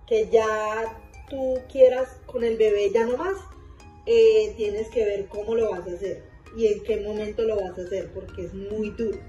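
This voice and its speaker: A woman narrates her own story in a dramatic, emotional manner, looping back over the same words again and again. Her voice sits a little high and sounds warm and mellow. The recording is slightly dull, with faint music underneath. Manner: repetitive, circling back on words. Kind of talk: first-person storytelling monologue.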